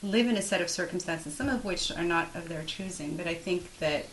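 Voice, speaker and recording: Being interviewed about her writing, a Moroccan author whose first language is Arabic speaks in a slightly low voice, measured and prone to circling back to restart phrases. The low-quality recording carries a faint hiss.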